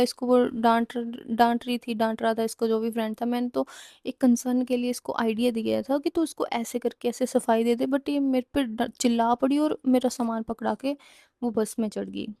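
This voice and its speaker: A woman's voice: fairly high pitch, vocal fry, dark tone, no echo, studio quality. A young woman casually telling a personal story, rambling and often repeating or correcting herself mid-sentence. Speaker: storytime vlogger.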